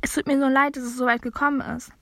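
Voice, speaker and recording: A stern, practical older guardian woman, as a woman reads her aloud, speaking in a brisk, mildly scolding manner in a storybook reading. The voice is fairly high and recorded close and dry. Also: level tone, a bit bright, no echo.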